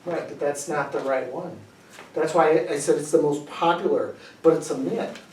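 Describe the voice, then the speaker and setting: A man's voice: fairly high pitch, moderate pace, recorded from a distance, close to an everyday voice. A smug, know-it-all professor of word origins, unbothered and matter-of-fact, as a man plays him in a comedy sketch. He sits back from the mic, and his voice bounces around an echoey room. A faint hiss lingers underneath. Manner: deadpan, confidently matter-of-fact. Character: pompous male professor spouting bogus word origins.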